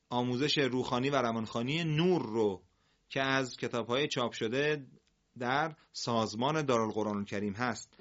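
A man teaching Quran reading on a broadcast, explaining patiently, asking students questions and drawing words out slowly. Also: medium pitch, a bit bright, lo-fi sound.

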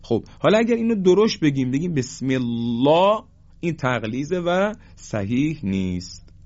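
Male tajweed teacher, steady explainer who stretches out his recited examples; muffled lo-fi recording. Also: a little high. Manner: explains briefly, then chants examples slowly and drawn out. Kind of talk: tajweed lesson. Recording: dull lo-fi recording.

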